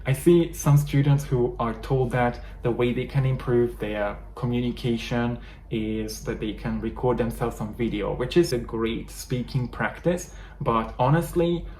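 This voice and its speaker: A native Hungarian speaker explains English learning to his viewers, his Hungarian accent coming through an unhurried, mid-range voice with a darkish tone. It's a talking-head teaching video with an earnest coaching style, recorded in an echoey room with faint background noise.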